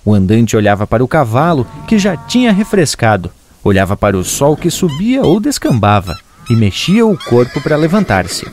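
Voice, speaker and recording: Brief: male folk storyteller, animated, mid-pitched. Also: normal speed, hardly any pauses, a little hiss or hum. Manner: expressive, rhythmic storytelling. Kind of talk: regional folk tale narration.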